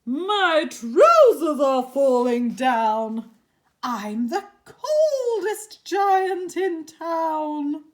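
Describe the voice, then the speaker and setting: A kindly, cheerful giant from a picture book, acted out by a woman reader. The voice is high and theatrical, slipping into sing-song and big, drawn-out exclamations at an unhurried pace. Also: big pitch swings, exaggerated voice. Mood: dismayed. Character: cheerful, kindly male storybook giant who sings.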